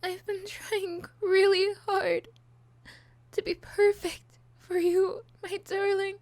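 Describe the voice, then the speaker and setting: A woman voicing a possessive, obsessive young monster girl in love, an unhinged, clingy villainess, in an ASMR role-play with breathy hushed stretches. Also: fairly high pitch, fairly even intonation, slow, dry recording. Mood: tearful, desperate.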